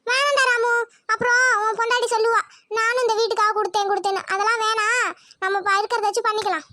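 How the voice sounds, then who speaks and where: A woman's voice: extremely high pitch, steady tone, fast, bright, forceful tone, dry recording. A woman voicing an anxious, devout middle-aged mother in a cartoon who scolds and wails. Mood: fretful. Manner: scolding, wailing and fretful. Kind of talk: cartoon voice acting.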